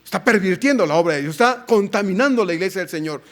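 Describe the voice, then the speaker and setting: A man preaching a sermon as pastor, animated and acting out the quotes he tells. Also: sits high, fast talker.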